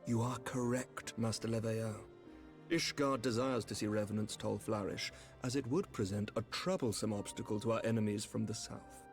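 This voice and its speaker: Actor as a silky, snake-voiced knight commander, creaky and formal. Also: male voice, on the low side, steady tone, faint music behind, lightly acted. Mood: pointed, composed. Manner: formal, deliberate, diplomatic. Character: measured, courtly male knight commander in a fantasy game. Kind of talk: fantasy video game acting.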